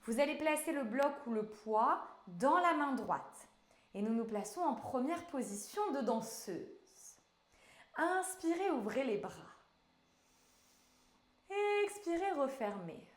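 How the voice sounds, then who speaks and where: A woman instructor leads an online pilates class in French, her voice sitting high and sing-song at a slow pace with frequent pauses. She counts out reps and gives short commands, sounding distant in an echoey room.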